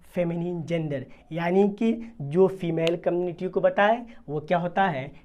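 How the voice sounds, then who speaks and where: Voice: medium pitch, darkish tone. Patient teacher quizzing the class. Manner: asks the class questions and answers them, repeating key terms; reads English definitions slowly, word by word. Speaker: English grammar teacher. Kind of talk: classroom-style video lesson in Hindi mixed with English terms.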